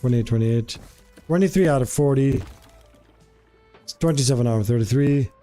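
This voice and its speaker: A man's voice: medium pitch, moderate pace, dark tone, soft background music. A man with a Jordanian accent, chatting playfully and boastfully on a live game stream, mixing English and Arabic. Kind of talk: casual live-stream chat.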